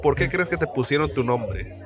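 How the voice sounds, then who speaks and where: A man's voice: a little high, animated, normal speed, over music. A man with a Mexican accent hosting a casual chat, joking and laughing often in slang. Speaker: host.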